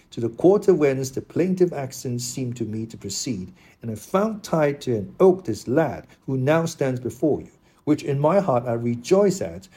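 Casting: man voicing a lofty, lecturing old knight for an audiobook; mellow, husky tone. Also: mid-range voice. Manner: formal archaic speech, declaiming. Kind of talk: audiobook character reading.

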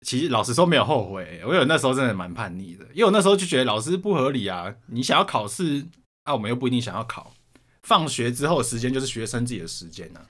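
Quick and mid-range in voice, this young man from Taiwan co-hosts a podcast, swapping school stories casually. He swears a lot and retells events with animation.

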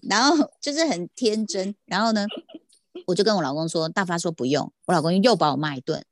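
A woman's voice: fairly low pitch, a little fast, no echo, clean studio sound. A woman podcast host with a Taiwanese Mandarin accent, telling a story in casual chat and quoting others.

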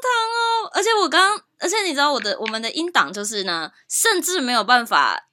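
A woman's voice: on the high side, sing-song, fairly quick, pushed and bright. A woman co-hosting a podcast in casual, exasperated chat, with muffled audio re-recorded from a phone. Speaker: podcast co-host.

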